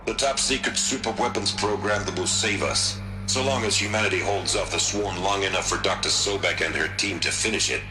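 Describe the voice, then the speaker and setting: A man with an American accent voices a resolute, commanding, middle-aged military chief in a video game cutscene, firm and authoritative with a grave mood. His natural voice is low-pitched and fairly quick. The recording has roomy echo and music underneath.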